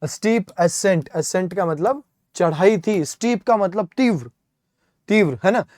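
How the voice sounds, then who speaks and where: A man with an Indian accent teaches English vocabulary for an exam, explaining step by step, spelling words out letter by letter and repeatedly asking "है ना?". His voice is high, expressive and a little slow, with a darkish tone. The sound is clean studio audio with no room sound.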